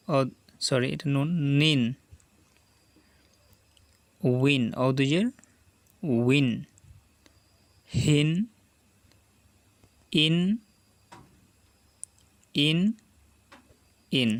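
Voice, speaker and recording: A man with a Bangladeshi Bengali accent teaching Quran reading. He spells out syllables slowly and deliberately, and asks the viewers to repeat after him. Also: mid-range voice, steady tone, dry recording. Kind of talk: slow spelled-out recitation lesson.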